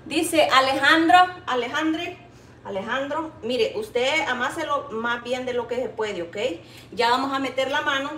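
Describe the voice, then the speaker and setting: A woman with a Salvadoran Spanish accent chats casually with her viewers while cooking at home, animated and affectionate. Her voice sits a little high and off-mic, in a roomy kitchen with a faint hum behind her. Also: unhurried, far from the mic. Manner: chatty and animated, teasing, addressing viewers with pet names. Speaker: cooking vlogger. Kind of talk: casual live cooking chat.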